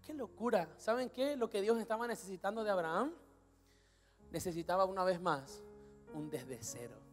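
A man's voice: high voice, moderate pace, soft background music. Argentine preacher man in an echoey hall. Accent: Argentine Spanish. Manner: dramatic storytelling, swings from hushed to shouting. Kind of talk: sermon. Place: large hall with audience.

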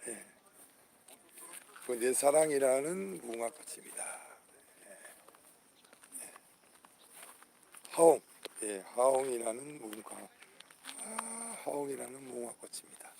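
An older man, a channel host, strolls through an outdoor flower garden in this walking vlog, exclaiming over each bloom and repeating its name while rallying viewers with hearty patriotic appeals. His medium-pitched voice is gravelly and dark, very animated yet slow, with frequent pauses. A little background noise can be heard.

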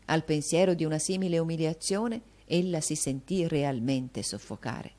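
Low-voiced woman narrating an audiobook. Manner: measured, expressive storytelling. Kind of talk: audiobook narration of a classic novel.

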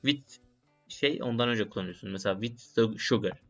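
A language-learner vlogger studies on camera, thinking aloud and repeating short phrases to himself in a casual vlog. His lowish voice moves at a normal speed and sounds a bit bright, over a dull lo-fi recording with faint music.

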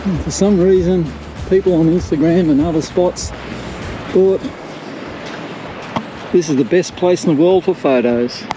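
A man's voice: fairly high pitch, unhurried, long pauses, music in the background, low-quality recording. Chatty older Australian man hiking. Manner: chatty, rambling, self-mocking. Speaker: hiking vlogger. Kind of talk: casual walking commentary. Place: outdoors on coastal bush trail and beach. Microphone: action camera held at arm's length.

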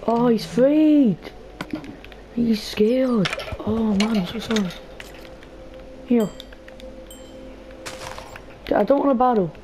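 A woman's voice: on the high side, slow pace, pauses often, background noise. A young woman giving casual, chatty gameplay commentary, talking nervously to her viewers and to a character in the game. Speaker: gaming video host. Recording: dull lo-fi mic with faint game music.

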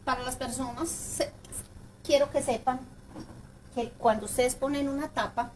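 Her voice high, her intonation fairly even, and her pace moderate, a woman with a Paisa Colombian accent chats through an informal cooking demo as a home cook and video host. She repeats words often for emphasis. It's recorded indoors in her kitchen with a distant microphone amid clattering noise.

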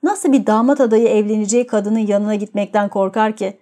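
A woman's voice: mid-range voice, brisk, dark tone, natural voice. A woman voicing a tormented, jealous young man who tells his story in a gloomy, brooding way.

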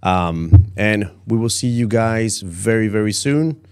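A man's voice: fairly low pitch, expressive, slow pace, darkish tone, clear, resonant tone. A man in his forties hosting a casual livestream on a close studio mic, often repeating words and phrases. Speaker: host of a livestream show. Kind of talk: casual livestream chat and sign-off. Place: acoustically padded studio, indoors. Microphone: close podcast microphone.

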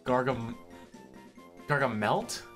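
Teasing young man with bouncy pitch. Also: expressive, a bit bright, faint music behind. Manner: teasing, quick comebacks, laughing. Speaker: streamer. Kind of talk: casual let's play banter.

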